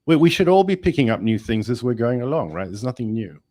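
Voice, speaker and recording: During a webinar discussion, a male engineering professor who speaks English as a second language talks energetically and emphatically, restarting himself often. His mid-range voice moves fast, and there's no echo.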